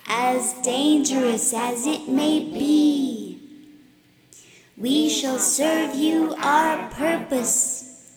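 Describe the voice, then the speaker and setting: A woman reading a storybook, voicing Orion, a group of wise stars, slow and solemn as they give a warning. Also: high-pitched, roomy sound, long reverb tail, loud music behind the voice.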